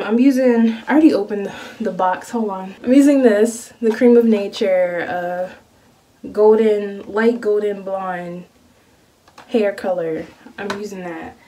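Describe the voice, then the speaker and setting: A woman's voice: medium pitch, mellow, far from the mic, poor audio. A young woman vlogging casually to camera at home, blunt and playful and swearing freely. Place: at home doing her hair. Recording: home video, voice a bit off-mic, faint noise.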